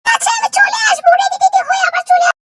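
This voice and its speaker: Shrill shouting old granny. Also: female voice, steady tone, quick pace, dry recording.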